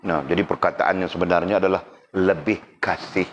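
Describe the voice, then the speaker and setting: A man teaches a religious class in a relaxed lecturing voice that sits fairly low. He keeps checking whether his listeners follow and slips in teasing jokes. A faint background hum runs under his talk. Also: a little fast.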